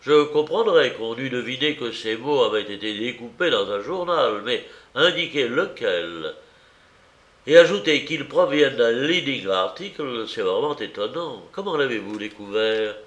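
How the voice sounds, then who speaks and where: Earnest middle-aged doctor, amazed, audiobook voice by a man, slow delivery. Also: medium pitch, expressive, a bit bright, roomy sound.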